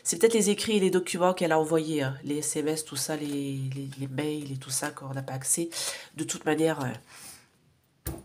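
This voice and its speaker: A woman's voice: low-pitched, fairly even intonation, moderate pace, a little mellow, slight background noise. A woman with a nasal voice giving a casual oracle card reading to viewers, rambling with many fillers and asides, sometimes dropping to a whisper. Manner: rambling, many fillers and tag questions, drops to whispers while drawing cards. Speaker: psychic card reader.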